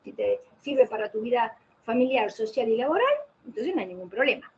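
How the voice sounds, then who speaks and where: Fairly high-voiced woman lecturing online. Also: expressive, fairly quick. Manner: didactic, poses rhetorical questions and answers them. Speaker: voice specialist lecturing. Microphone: computer mic on a video call. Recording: muffled video-call audio with faint hiss.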